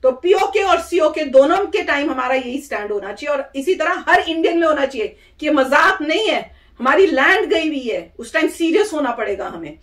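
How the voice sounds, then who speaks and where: High-voiced chatty woman reacting. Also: expressive, normal speed, hardly any pauses, fairly bright tone. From India. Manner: chatty, opinionated, laughs often. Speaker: reaction video co-host. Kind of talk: casual reaction chat.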